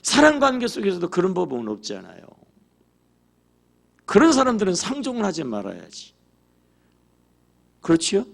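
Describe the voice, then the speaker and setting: A man preaching a sermon in a church with a high, gravelly voice. His pitch swings widely as he acts out prayers and quizzes the congregation. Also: moderate pace, long pauses. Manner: animated, acts out quoted prayers and dialogue; asks the congregation questions. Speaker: pastor. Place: church sanctuary.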